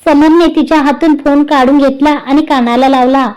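High-voiced woman narrating a story. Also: fairly even intonation, moderate pace, a little mellow, poor audio. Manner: reads every character's lines in a light variation of her own voice. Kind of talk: scripted narration of a serialized story.

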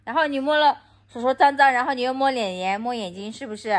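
A woman's voice: high-pitched, steady tone, fast. A woman from Anhui scolding her toddler at home, repeating baby talk. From Anhui, China.

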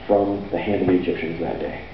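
A middle-aged man preaching a sermon on stage with a handheld mic, energetic and sometimes shouting as he paces. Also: low voice, quick pace. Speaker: pastor. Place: large hall stage with band gear, seen from far off. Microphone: handheld mic, far camera. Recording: echoey hall from far off, dull audio, faint noise.

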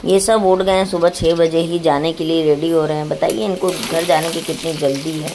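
A woman's voice: low-pitched, fairly even intonation, normal speed, background noise. A young woman chatting casually to her viewers in a home vlog, talking about her day and her family. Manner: chatty, addresses viewers as guys. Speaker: vlogger. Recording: background music.

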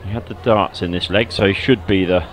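A man's voice: deep voice, steady tone, brisk, fairly bright tone. A man co-commentating on darts in a conversational style with brief, understated remarks. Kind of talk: live sports commentary, conversational. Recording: noisy venue with crowd behind. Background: crowd murmur.

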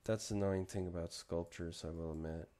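A 3D modeling vlogger narrates casually while working on a 3D sculpt, mumbling asides to himself. His low voice is steady, brisk and mellow, picked up by a desk microphone.

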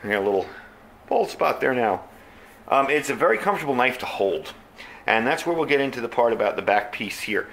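A man's voice: mid-range voice, very animated, a little fast, fairly bright tone. A man casually reviewing folding knives in an easygoing, plainspoken way, with frequent fillers. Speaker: knife reviewer.

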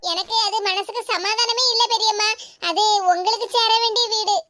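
A woman voicing a sorrowful, mistreated young daughter-in-law in an animated cartoon, speaking a southern Tamil Tirunelveli-Kanyakumari dialect in a tearful, pleading way. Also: very high-pitched, normal speed, a little hiss or hum.

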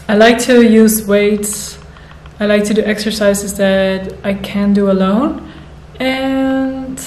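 A woman in her thirties talking casually to the camera, thoughtful and unhurried, pausing with fillers. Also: mid-range voice, a little mellow. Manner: slow, thoughtful, with pauses and fillers. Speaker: vlogger. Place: bright room indoors. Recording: echoey room, faint noise.

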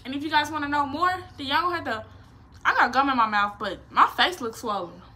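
A nineteen-year-old woman chats casually and playfully in a Q&A vlog from her small bedroom. Her high voice comes fast and animated, full of slang, and she gestures expressively with her hands.

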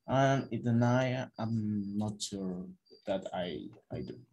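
A man's voice: on the low side, lively intonation, drawn-out words, darkish tone. A man whose first language is Spanish, answering hesitantly in an English class, searching for words. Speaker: student. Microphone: video call.

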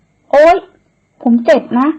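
A woman's voice: mid-range voice, animated, moderate pace, warm tone, husky, highs cut off. A woman voicing a brash, teasing young man in a romance audiobook. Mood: complaining. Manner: teasing, argumentative.

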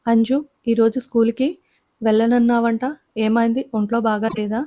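Brief: woman reading as a worried widowed father, coaxing and evasive, slightly high, mellow voice in a spoken audio story. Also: little pitch movement, normal speed, natural voice. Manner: coaxing, then turns stern.

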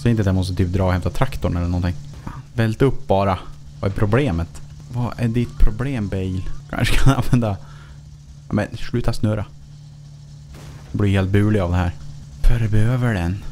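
A man's voice: fairly low pitch, warm tone, soft background music. A man giving casual let's play commentary as a gaming YouTuber, chatting to himself with frequent swearing and chuckles.

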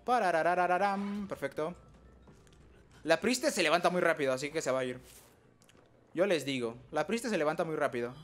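Excitable gaming streamer, young man. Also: brisk, pauses often, soft background music. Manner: excitable, trash-talks opponents, sudden high yelps. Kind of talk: live gameplay commentary.

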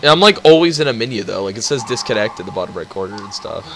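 A man's voice: fairly low pitch, lively intonation, quick pace, background noise. Young man teasing his gaming buddy. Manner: laughs a lot and teases his friend. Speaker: gamer. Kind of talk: casual gaming chat.

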